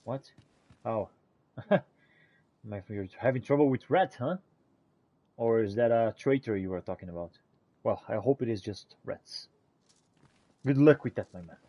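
Unhurried and pausing often, a man with a warm, husky mid-range voice plays a companionable, contemplative fantasy adventurer in a video game. His in-character commentary on the journey uses theatrical, archaic wording, recorded with no echo.

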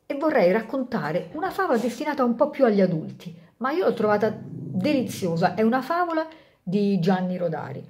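Woman reading a story aloud, expressive, lively pitch, mellow voice. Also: a little fast, slight background noise. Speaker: storyteller, channel host.

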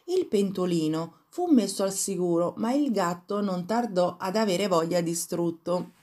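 A woman reading a fairy tale aloud in a calm, even narrating manner. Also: on the low side, a little slow. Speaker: storyteller.

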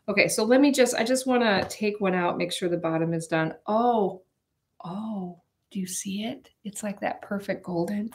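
A woman's voice: medium pitch, a little hiss or hum. A woman in her forties, chatting in a rambling, casual way with viewers while baking live in her home kitchen, picked up by a camera on the counter. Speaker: vlogger hosting a live cooking stream.

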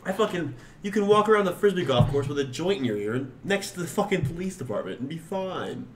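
A man co-hosting a casual cannabis podcast, talking loudly, rambling and swearing, with the odd whoop. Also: a little high, lively intonation, fairly quick, recorded from a distance. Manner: loud, profane, rambling, whoops. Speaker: podcast co-host. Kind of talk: casual chat. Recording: roomy, off-mic with faint noise.

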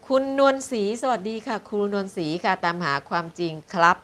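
A woman's voice: mid-range voice, expressive, brisk, a bit bright. A middle-aged woman hosting a fortune-telling livestream, chatting politely and reading viewer comments aloud. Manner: polite, chatty, reads comments aloud and stumbles over words. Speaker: fortune teller livestream host.

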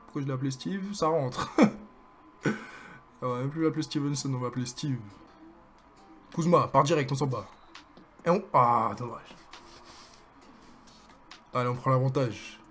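A young man with a French accent commentating his own basketball video game, excitable and joking as he hypes his plays. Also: mid-range voice, moderate pace, long pauses, soft background music. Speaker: gaming streamer. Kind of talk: live gameplay commentary.

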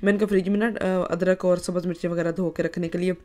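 A woman's voice: on the low side, little pitch movement, fast, mellow. Chatty woman. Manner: chatty, many filler phrases. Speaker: vlogger. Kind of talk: casual vlog narration.

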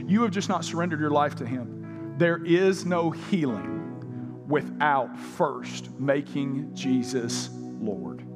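A man preaching a sermon as pastor, telling a story and leading an altar call, with music behind. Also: a little high. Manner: storytelling, shouting quoted lines, then altar call. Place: large church auditorium. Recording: live church hall with music behind.

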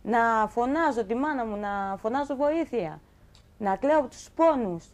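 A young woman guest on a talk show, telling her own story in an animated way and acting out the dialogue she quotes. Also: a little high. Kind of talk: emotional personal account on a talk show.

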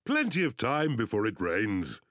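A man's voice: lowish voice, huge pitch swings, moderate pace. An actor playing a jolly, boastful father pig in a cartoon, self-assured and chuckling. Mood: confident. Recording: cartoon with loud music underneath.

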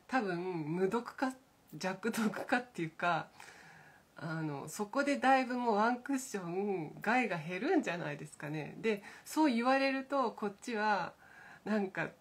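A middle-aged woman, a pianist hosting a morning live stream, talking in a meandering, casual way full of hesitations and soft self-amused asides. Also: mid-range voice, husky. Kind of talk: casual rambling chat.

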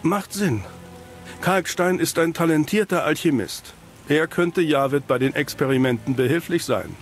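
A man's voice: a little high, lively intonation, unhurried, faint music behind. A male actor playing a world-weary, cynical private detective in a fantasy video game, with a dry noir drawl. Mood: businesslike, suspicious. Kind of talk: scripted video game dialogue in German dub.

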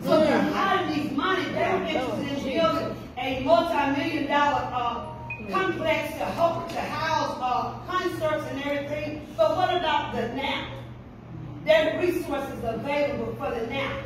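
A middle-aged woman with a Southern US accent, a town councilwoman running for office, delivers an impassioned, emphatic, colloquial campaign speech at a community gathering in a medium-sized indoor banquet room. Her voice is high and unhurried. An audience member's phone at a dining table a few metres away captured it, so the sound is roomy, distant and noisy.

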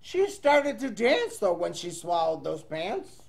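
Sitting high in pitch with huge swings and some vocal fry, a man slowly reads a children's storybook in a sing-song, playful style, adding chatty asides to the kids listening.

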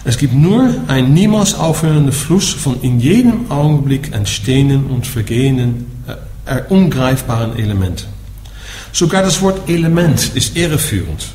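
Patiently explaining Buddhism to a group in German, a Dutch-accented man speaks at normal speed in a medium-pitched, sing-song voice with a darkish tone. He keeps checking in with "ja?" after nearly each point. Faint background noise and echo fill the room.

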